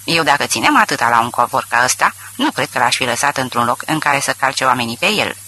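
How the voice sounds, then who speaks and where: A man's voice: medium pitch, lively intonation, pushed and bright. A man voicing a blunt, surly old farmer. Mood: gruff. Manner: blunt, unbothered.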